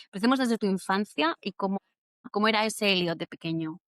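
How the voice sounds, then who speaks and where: A woman from hosting a podcast interview, chatty and animated as she tells stories. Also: mid-range voice, brisk, no echo, clean studio sound. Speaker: podcast host. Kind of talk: casual interview.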